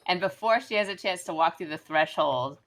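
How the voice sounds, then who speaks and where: A woman's voice: lowish voice, animated, a little fast, a bit bright. A woman narrating as game master, chatty and giggly with lots of filler words.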